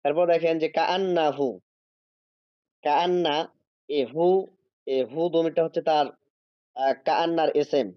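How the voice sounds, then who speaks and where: A man with a fairly high voice teaches an online Arabic grammar class. He explains patiently, reading each Arabic word slowly and checking that students understand. The recording is dry and somewhat dull, like lo-fi class audio. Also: steady tone, dry recording. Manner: drawn-out reading of Arabic words.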